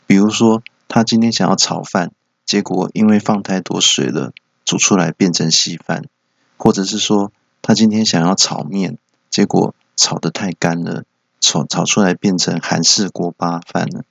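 A man's voice: low voice, steady tone, normal speed, creaky, husky, no echo. A man hosting a solo comedy podcast, telling playful stories. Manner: playful storytelling. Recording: dull, dry lo-fi home recording.

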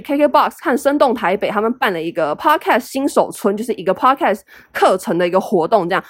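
A woman's voice: mid-range voice, no room sound, clean studio sound. A young woman with a Taiwanese Mandarin accent, hosting a solo podcast in a chatty, self-deprecating way full of fillers. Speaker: podcast host. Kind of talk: casual solo podcast advice.

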